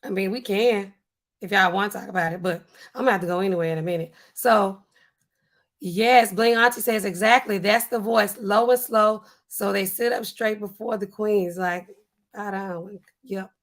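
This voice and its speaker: A hoarse woman pharmacist chats casually on a livestream from her home studio, a neon sign glowing behind her, reading out viewer comments. Her voice is husky and weak, yet she stays animated, dropping low and slow whenever she wants to sound stern.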